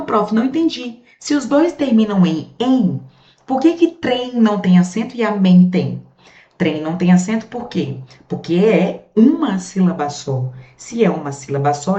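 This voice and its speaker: A Brazilian woman teaching a grammar lesson in a chatty, lively way, drawing out the words she stresses. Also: fairly low pitch. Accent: Brazilian Portuguese. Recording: muffled, echoey room.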